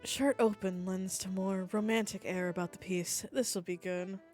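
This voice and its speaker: A woman voicing a commanding, seductive aristocratic woman professor in a dating-sim game, speaking low, measured and composed. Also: fairly even intonation, a little mellow, faint music behind, close to an everyday voice.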